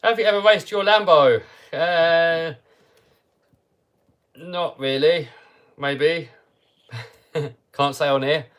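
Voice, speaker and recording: Here the host speaks slowly with long pauses, his fairly high voice a bit bright. It's a casual livestream, and he's easygoing and chatty, laughing a lot and reading chat questions aloud.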